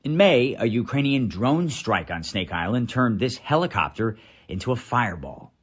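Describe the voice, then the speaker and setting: Here an American man working as a news correspondent voices a scripted report, measured and dramatic with purposeful pauses. His pitch is medium, his delivery sing-song, and his tone carries a breathy edge.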